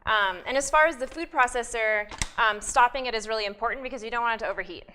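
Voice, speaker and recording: A woman's voice: fairly high pitch, quick pace, bright, forceful tone, a little hiss or hum. A young adult woman giving a friendly cooking demonstration as a guest nutrition specialist, explaining steps with many fillers.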